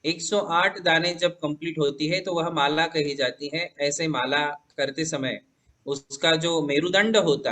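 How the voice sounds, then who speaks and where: A man's voice: fairly high pitch, bright, forceful tone. A man, a Jain monk, answering devotees' questions in a patient, reassuring, explanatory way. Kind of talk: religious question-and-answer teaching.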